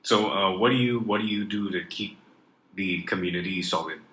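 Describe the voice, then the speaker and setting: A man hosting a live Q&A, reading audience questions and giving short, relaxed reactions. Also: low-pitched, moderate pace. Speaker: host. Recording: echoey room with faint noise.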